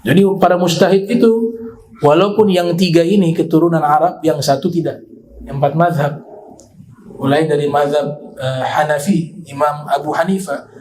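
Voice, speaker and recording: A man giving an Islamic religious lecture, explaining at length and reciting Arabic verses slowly. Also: on the high side, fairly even intonation, darkish tone, a little hiss or hum, poor audio. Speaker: Islamic preacher.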